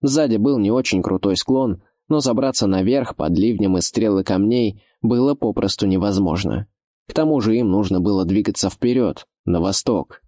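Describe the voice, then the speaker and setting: A man narrating a fantasy audiobook in a steady, measured way. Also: lowish voice, no room sound, studio quality.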